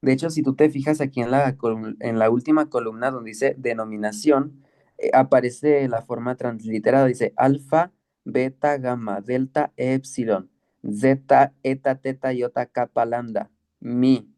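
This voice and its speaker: Patient male Greek teacher, dark voice. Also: medium pitch, fairly even intonation. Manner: patient, explains slowly with many checks like "¿ok?" and "¿sí?". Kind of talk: online class lesson.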